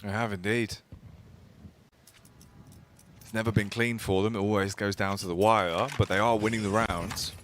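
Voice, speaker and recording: A man's voice: fairly low pitch, fairly even intonation, normal speed, pauses often, a bit bright, a little hiss or hum. A man working as an esports caster, giving live play-by-play commentary that builds dramatically at key plays.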